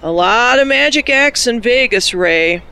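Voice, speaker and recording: A tough female agent who trades dry wisecracks, her voice high and bright with a gravelly edge, as a male narrator puts her on. She swings up and down in pitch as she talks through a pulp storybook. A faint hiss sits beneath her. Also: lively intonation, measured pace, full character voice. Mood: wry.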